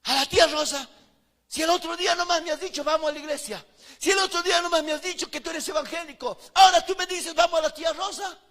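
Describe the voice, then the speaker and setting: A man's voice: very high-pitched, steady tone, fast, a bit bright, big-room sound, voice pushed up. A man playing a young male friend who teasingly scolds him. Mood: mocking.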